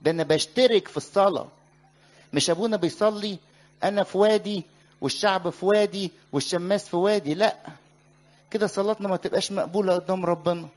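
A man's voice: high-pitched, fast, a little mellow. A man with an Egyptian accent gives a church sermon, asking the listeners questions and having them finish his sentences. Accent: Egyptian Arabic. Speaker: church teacher.

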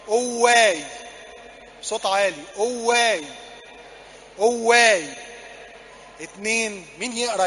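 A man's voice: high voice, fairly bright tone, big-room sound, a little hiss or hum. A man with an Egyptian accent teaching a Coptic class, drilling numbers and having students repeat after him. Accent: Egyptian Arabic. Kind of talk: classroom lesson. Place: church classroom.

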